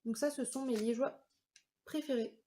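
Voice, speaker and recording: A woman's voice: high-pitched, steady tone, moderate pace, warm tone. A woman in her thirties from France, chatting casually through a product review vlog with many fillers and hesitations. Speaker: vlogger.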